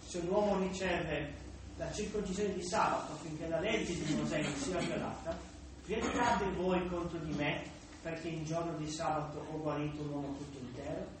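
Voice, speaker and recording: Jesus, a solemn grown-man teacher, read aloud by a man. Distant mic, very echoey room, steady background noise. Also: fairly high pitch, moderate pace, few pauses, close to an everyday voice. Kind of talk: scripture reading.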